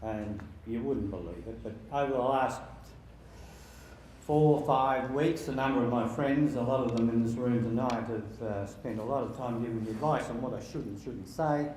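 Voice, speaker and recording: A man's voice: medium pitch, darkish tone. Older man giving a speech in an echoey hall. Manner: halting, jokey delivery turning sentimental. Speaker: father of the bride giving a wedding speech. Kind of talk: informal wedding speech to a room of guests. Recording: very echoey room with faint background noise.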